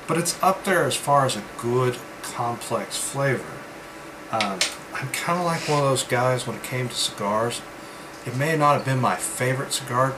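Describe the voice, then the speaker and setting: In this vlog, a man reviews vapes with a mid-pitched voice, rambling casually and pausing haltingly. Steady background hum resembling air conditioning fills the room.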